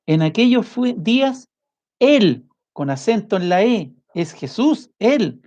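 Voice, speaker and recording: A man preaching a sermon with passion, firing off rhetorical questions and swinging his voice high and low. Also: big pitch swings, takes it slowly. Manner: impassioned, rhetorical questions, big swings in pitch and loudness. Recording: muffled lo-fi recording.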